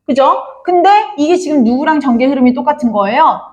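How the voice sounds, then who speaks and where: Woman, teacher, classroom lecture, high and animated voice, frequent check questions, slightly dull recording. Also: a little fast. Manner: addresses students often, asks many check questions. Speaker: Korean literature teacher.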